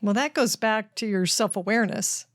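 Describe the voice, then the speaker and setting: A woman's voice: medium pitch, normal speed, no echo, studio quality. A woman hosting an interview podcast, affirming her guest and asking follow-up questions. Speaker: podcast host.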